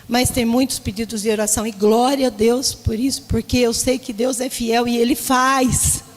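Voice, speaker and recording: A woman's voice: a little high, little pitch movement, moderate pace, long reverb tail. A woman pastor preaching a sermon, telling an emotional personal testimony and often turning to address the congregation directly. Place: church.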